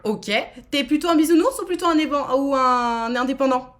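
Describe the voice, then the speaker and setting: Woman from France, live-stream host, casual playful chatter, slightly high voice, lots of hesitations. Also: fairly quick, a bit bright. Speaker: streamer hosting live speed dating.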